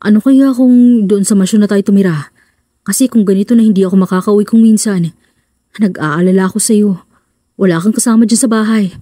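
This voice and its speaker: Woman doing a commanding young husband, lowered and firm. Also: fairly quick, dark tone, dry recording, studio quality, lightly acted. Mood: caring. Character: protective rich young husband.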